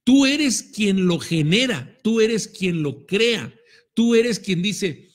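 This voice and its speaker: High-voiced Mexican man giving pep talk. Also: animated, slow. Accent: Mexican Spanish. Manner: playful, acts out quoted voices, casual swearing. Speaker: motivational speaker. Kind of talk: motivational talk to camera.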